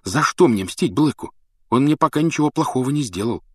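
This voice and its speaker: A man's voice: mid-range voice, expressive, fairly quick, slightly rough, no room sound, studio quality, voice pushed up. A man voicing an earnest, puzzled teenage schoolboy who asks questions in an audiobook.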